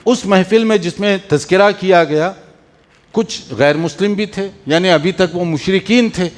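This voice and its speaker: Guy preaching in a mosque, kinda high voice, long echo off the hall. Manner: earnest exhortation, chanted Arabic quotations. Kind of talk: mosque lecture after night prayer.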